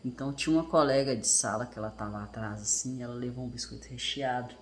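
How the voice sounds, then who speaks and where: Brazilian guy, 30s, reflective storyteller, halting and earnest, faint hiss behind. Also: mid-range voice. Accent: Brazilian Portuguese. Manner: earnest, halting, reflective, with restarts and self-corrections. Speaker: father and vlogger. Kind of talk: casual personal storytelling.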